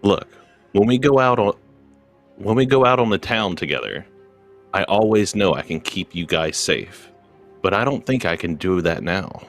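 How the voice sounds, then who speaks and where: A man's voice: low-pitched, expressive, moderate pace, faint music behind. A man voicing a big, strong, protective fighter who talks in an earnest, heavy-hearted way.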